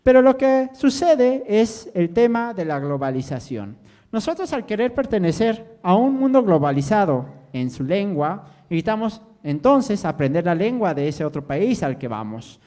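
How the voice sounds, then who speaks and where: Animated man lecturing. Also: high-pitched, normal speed, faint music behind. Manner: quizzes the audience with constant "¿sí?" and jokes. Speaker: language teacher giving a lecture. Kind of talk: interactive lecture to students.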